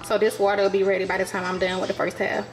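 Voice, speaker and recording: Speaking rapid-fire in a mid-range voice with little pitch movement, a family vlogger in her thirties jokes about housework and addresses viewers as y'all. She's indoors in her home kitchen; the room echoes, with background noise and soft music.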